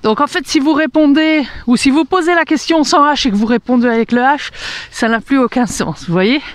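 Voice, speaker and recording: A woman's voice: high-pitched, no room sound. A woman with a Hungarian accent teaching a language lesson, carefully repeating words one at a time and laughing lightly now and then. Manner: slow, careful pronunciation drills with light laughter.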